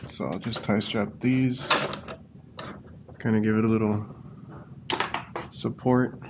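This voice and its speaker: A man's voice: on the low side, slow, heavy background noise. A man working as a refrigeration technician, casually explaining each step as he fixes a walk-in cooler, recorded on a head-mounted camera. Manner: relaxed, plain-spoken, explains as he works. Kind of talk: casual on-the-job narration. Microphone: head-mounted action camera.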